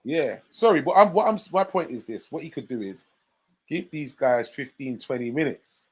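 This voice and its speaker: A man's voice: medium pitch, animated, normal speed, husky, low-quality recording. Emphatic man arguing football. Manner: emphatic, pushes his argument with rhetorical questions. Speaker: panelist. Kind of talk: casual live-stream football chat.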